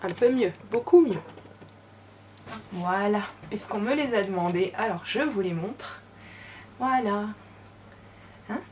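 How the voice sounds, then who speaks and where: A woman's voice: medium pitch, lively intonation, slow, pauses often. A woman vlogging casually from her craft room at home, chatting to the viewers and coaxing her dogs to sit. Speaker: scrapbooking vlogger. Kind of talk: casual chat to camera. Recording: distant camera mic, noisy room. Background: dogs moving about.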